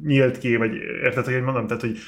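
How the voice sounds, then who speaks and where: Male, mid-pitched, halting conversational delivery with repeated words. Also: flat delivery. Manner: halting, repeats words while searching for phrasing. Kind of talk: casual conversation with English phrases mixed in.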